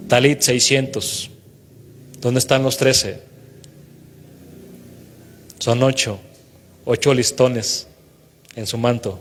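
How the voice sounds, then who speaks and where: A man preaching, retelling scripture dramatically and lifting his voice on key phrases. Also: medium pitch. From Mexico. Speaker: pastor. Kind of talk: sermon. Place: church hall. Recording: long reverb of a church hall.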